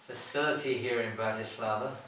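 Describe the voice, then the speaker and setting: A man's voice: medium pitch, steady tone, a little fast, a bit bright, slight background noise. Jovial English man lecturing in a hall. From England. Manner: jovial, teasing the audience. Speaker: visiting speaker. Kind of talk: lecture with live translation. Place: large hall with audience. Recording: echoey hall from far off.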